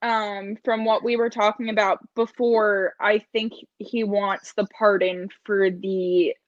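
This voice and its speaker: A woman's voice: mid-range voice, little pitch movement, slow pace, no echo, highs cut off. A woman in casual podcast chat, speaking hesitantly with trailing-off phrases.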